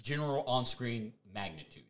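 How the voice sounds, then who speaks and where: A man co-hosting a casual podcast chat, animated and playful, swearing freely as he argues his point. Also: mid-range voice, normal speed. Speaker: podcast co-host. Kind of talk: casual chat ranking movie villains.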